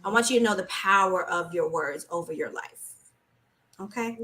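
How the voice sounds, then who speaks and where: A woman with a bright, forward voice gives an uplifting spiritual talk on a live stream. She speaks of affirmations and faith and now and then slips into soft, simple singing. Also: fairly low pitch, normal speed, slight background noise. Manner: warm spiritual pep talk, breaks into gentle singing. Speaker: guest speaker.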